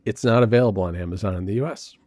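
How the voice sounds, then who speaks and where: Low-voiced male podcast host, dry sound. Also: racing, darkish tone, no room sound. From United States. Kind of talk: casual podcast chat.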